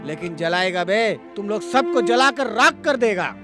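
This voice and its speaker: A rough, hot-tempered man who lashes out with coarse words, high and forceful. His dubbed film dialogue runs over loud background music. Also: animated, moderate pace. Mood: angry scolding. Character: rough working-class man, fiercely loyal to the hero.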